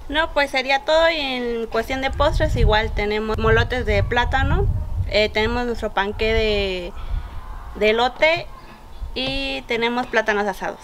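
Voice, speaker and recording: A woman's voice: fairly high pitch, measured pace, a little hiss or hum. A woman in her thirties with a Oaxacan Mexican Spanish accent, a chef speaking hesitantly with many fillers in an outdoor garden. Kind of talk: casual interview.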